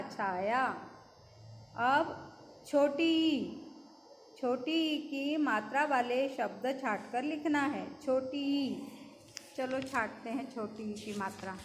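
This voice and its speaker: A woman teaching young children, slowly sounding out syllables and words and asking and answering her own questions. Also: on the high side, echoey room, long reverb tail, a little hiss or hum. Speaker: primary school teacher. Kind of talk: Hindi lesson for young children.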